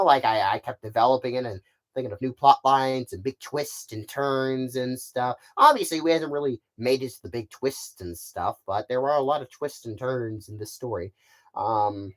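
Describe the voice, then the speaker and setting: A man chatting casually on a live stream, rambling with many stammering restarts. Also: mid-range voice. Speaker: puppet channel creator.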